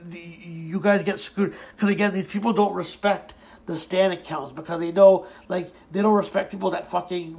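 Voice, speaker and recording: A young man delivers a heated, sarcastic rant, swearing freely and tripping over his own restarts and fillers. His voice sits a little high and has a gravelly, fried edge. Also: low-quality recording. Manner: profane, rambling, many restarts and fillers. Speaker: online commentator. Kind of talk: ranting casual monologue.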